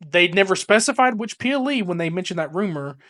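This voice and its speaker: A young man co-hosting a casual podcast, rambling excitably and swearing freely as he talks. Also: high-pitched, fast, no room sound, clean studio sound. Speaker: podcast co-host. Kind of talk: casual chat.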